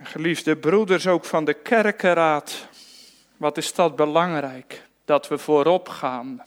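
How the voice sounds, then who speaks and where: Slow, earnest preacher. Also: male voice, on the high side. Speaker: pastor. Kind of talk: sermon. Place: church.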